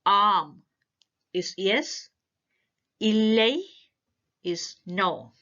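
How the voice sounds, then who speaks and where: A woman teaches a language lesson, laying out each grammar rule slowly and deliberately, often pausing to spell out single sounds. Her voice sits at a middle pitch. The recording is a little dull and lo-fi. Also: expressive, a bit bright. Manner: careful, deliberate word-by-word delivery. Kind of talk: slow instructional explanation.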